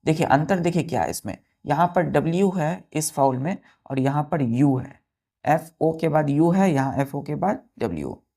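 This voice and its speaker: A woman's voice: deep voice, animated, moderate pace, warm tone, husky. A woman teaching a vocabulary class, spelling words letter by letter, asking the class questions and answering them herself.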